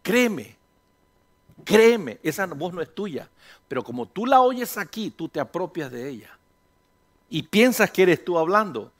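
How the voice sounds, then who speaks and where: A man's voice: high voice, big pitch swings, measured pace, pauses often. A middle-aged man, a pastor, preaching a sermon in a chatty, conversational way, acting out inner voices and joking with his congregation.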